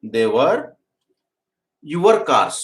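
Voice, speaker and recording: A man with a Telugu accent teaching an English grammar lesson. He drills example sentences, repeats each one and urges his students to practise quickly. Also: on the high side, big pitch swings, a bit bright, roomy sound.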